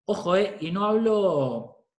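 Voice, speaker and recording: Speaking slowly in a high-pitched, animated voice with lots of reverberation, a middle-aged man from Argentina addresses parents informally. He's a psychologist with a Rioplatense accent who keeps things conversational, often tacking on a questioning "¿sí?".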